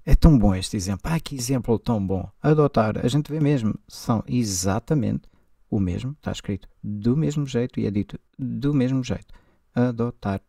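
A man with a low, gravelly voice leads a reading group and reads a text aloud at a measured pace. He breaks off now and then for quick, delighted asides. His tone is mellow and the sound is close and dry. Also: no room sound. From Brazil.

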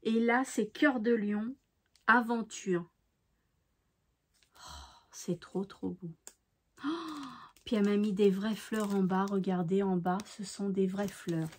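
A woman's voice: medium pitch, steady tone, measured pace. A woman hosting a craft channel, opening mail and describing each piece in an effusive, admiring way, sometimes dropping to a near-whisper. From France. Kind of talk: casual mail-opening show-and-tell.

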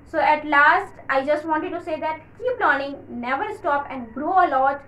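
A woman teaching English in a casual video lesson, explaining at length with frequent pauses and fillers. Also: high-pitched, bright, forceful tone, reverberant, rough recording.

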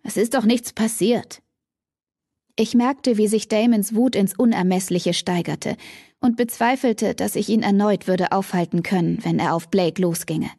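A woman narrating a fantasy audiobook in the first person, steady storytelling. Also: mid-range voice, moderate pace, no echo, clean studio sound.

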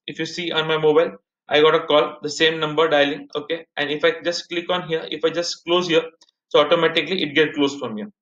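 A man in his thirties with an Indian accent walks viewers through a casual screen-share tutorial, calling them "guys" and repeating himself as he goes step by step. His voice sits on the high side, pushed and bright, and the recording sounds muffled and echoey, like a room.

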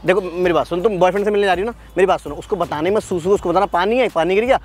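Cheeky prank guy outdoors in a park, high voice, talks fast, lots of noise around. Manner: pleading, cheeky, talks over her. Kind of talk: street prank comedy. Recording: loud outdoor background noise.

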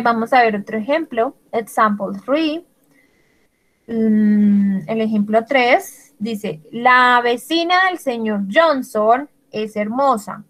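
A woman teaching an English lesson to Spanish speakers, speaking slowly and deliberately and spelling words out letter by letter. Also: fairly high pitch, low-quality recording. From Latin America. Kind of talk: bilingual online English lesson.

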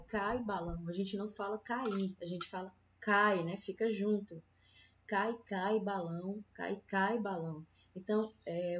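A woman's voice: mid-range voice, dark tone, slight background noise. Patient Brazilian woman teacher, dull sound. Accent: Brazilian Portuguese. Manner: patient, explaining, keeps adding "né?". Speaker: primary school teacher. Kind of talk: online lesson for children. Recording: dull lo-fi sound with faint guitar.

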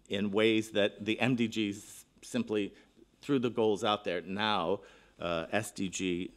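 A middle-aged man giving a keynote talk at a conference, seated at a panel table and speaking into a table microphone in an earnest, emphatic way, often restarting his phrases. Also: on the low side.

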